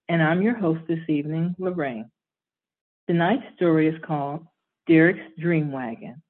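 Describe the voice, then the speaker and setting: Woman, bedtime story host, calm reading, husky, tinny lo-fi audio. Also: lowish voice.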